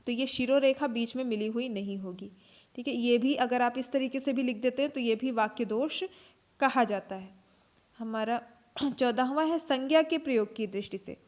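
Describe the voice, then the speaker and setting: Woman teacher, slightly high voice, patient step-by-step lecturing style. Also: normal speed, a little mellow. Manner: explains step by step, repeats terms, frequent "ठीक है" and fillers. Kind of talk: classroom lecture.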